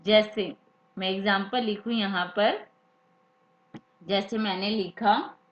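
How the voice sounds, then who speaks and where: A woman's voice: mid-range voice, fairly even intonation, slow pace. A woman teaching a grammar lesson, who repeats key words and asks them back to her students as questions. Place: classroom or study room, writing examples. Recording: echoey room, dull lo-fi sound.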